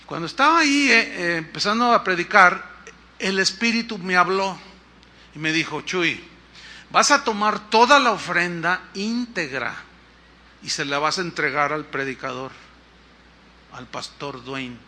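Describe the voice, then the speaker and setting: A man's voice: animated, unhurried, bright, forceful tone. A man, a pastor telling a testimony in a sermon, acting out the voices in his story. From Mexico. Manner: storytelling, acts out dialogue with shifting pitch and volume.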